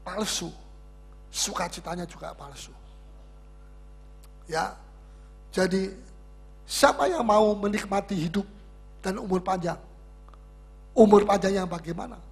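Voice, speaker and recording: A man's voice: sits high, unhurried, creaky, long pauses, husky. A pastor leading a Bible study sermon. He speaks emphatically, repeats key words and answers his own questions, with touches of humor.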